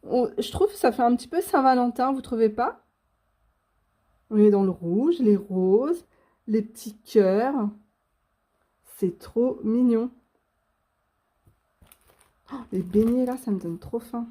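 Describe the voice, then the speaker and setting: A woman's voice: a little high, animated, takes it slowly, long pauses, mellow. A young woman hosting a casual unboxing video, chatty and gushing with frequent fillers. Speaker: coloring channel host.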